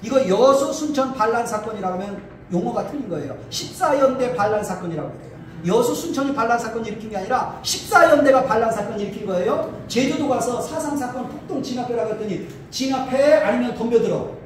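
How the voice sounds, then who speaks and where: A man's voice: very high voice, quick pace, few pauses. A male pastor from Chungcheong giving a combative political lecture to an audience, firing rhetorical questions and repeating his phrases for emphasis. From Chungcheong, Korea. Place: lecture hall. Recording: echoey hall from a distant mic, faint noise.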